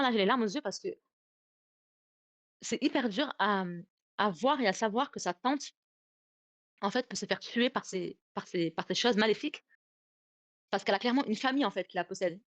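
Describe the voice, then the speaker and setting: A woman's voice: medium pitch, no room sound. A young woman telling a personal story on a livestream, emotional, repeating and restarting her words often. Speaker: guest storyteller.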